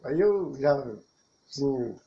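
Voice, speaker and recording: Chuckling Brazilian man, mellow lo-fi sound. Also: medium pitch, slow pace. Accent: Brazilian Portuguese. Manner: chuckling often, relaxed and talkative. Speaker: channel host telling a personal story. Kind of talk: casual storytelling.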